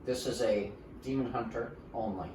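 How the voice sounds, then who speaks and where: A man's voice: mid-range voice, moderate pace, a little mellow. A man co-hosting a podcast in casual chat, explaining game cards at length and laughing often. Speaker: podcast co-host. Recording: roomy, distant mic with background noise.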